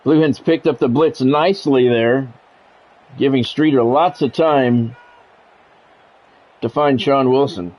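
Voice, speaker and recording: A man streams a football video game, calling it live in clipped, practiced announcer phrases mixed with casual, offhand remarks. His mid-range voice moves at a slow pace and pauses often. The recording has a dull lo-fi sound and faint background noise.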